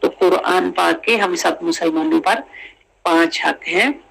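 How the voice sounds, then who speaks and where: This is a recitation teacher leading a tajweed lesson with a heavily gravelly, creaky voice. The delivery is unhurried and deliberate, and single syllables are drilled over and over with English teaching words mixed in. The pitch sits in an ordinary middle range. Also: a bit bright, low-quality recording. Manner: drills syllables slowly, repeating each sound many times; mixes in English teaching terms.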